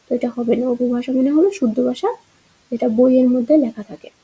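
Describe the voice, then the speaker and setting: A woman's voice: fairly high pitch, steady tone, quick pace, husky, dull audio. A woman teaching an exam-prep grammar lesson, walking through answer choices and checking in with rhetorical questions.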